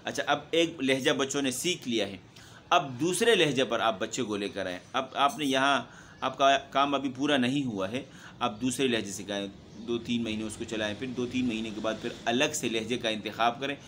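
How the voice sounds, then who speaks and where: A man who teaches Quran recitation, giving a steady instructional talk to fellow teachers and often pausing to check in with them. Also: mid-range voice, slight background noise. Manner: steady explaining, frequent "theek hai" check-ins.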